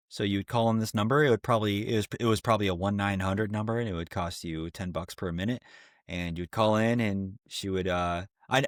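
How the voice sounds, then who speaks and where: A man's voice: on the low side, dry recording, clean studio sound. A man in his forties co-hosting a podcast, leading the casual chat by reading items off a list and asking questions. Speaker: podcast co-host.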